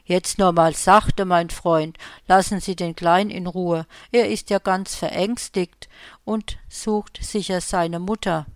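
A woman voicing a kindly, patient old Saint Nicholas in a storybook reading, speaking softly and reassuringly. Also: lowish voice, fairly even intonation, slow pace, dry recording, studio quality. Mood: soothing. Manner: soft, reassuring, fatherly.

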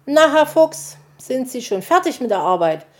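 A woman's voice: high-pitched, very animated, moderate pace, pitched above the performer's own voice. A woman voicing a cheeky, cheerful male storybook character. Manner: cheeky, laughing. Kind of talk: storybook reading.

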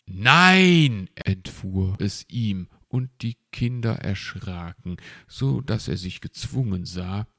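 A man reading a children's story aloud with expressive, unhurried storytelling. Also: sits low, gravelly, no echo, clean studio sound. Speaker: narrator.

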